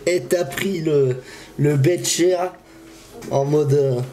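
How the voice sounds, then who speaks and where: A man's voice: a little high, takes it slowly, warm tone. A man hosting a fishing channel, giving casual, slangy reaction commentary and laughing often. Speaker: YouTube fishing channel host. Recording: music from the reacted video behind.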